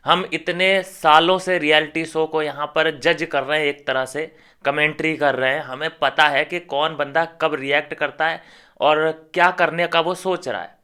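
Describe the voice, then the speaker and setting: Bright, clear-voiced man ranting. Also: a little high, steady tone, measured pace. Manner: heated, scornful, talks straight to viewers. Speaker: reality show commentator. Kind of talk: ranting opinion commentary.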